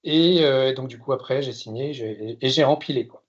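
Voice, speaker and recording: A man's voice: mid-range voice, normal speed, muffled recording. A man in his fifties from France giving a presentation to an audience, with hesitant delivery, frequent filler sounds and self-deprecating humor. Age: 50s. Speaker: consultant giving a masterclass talk.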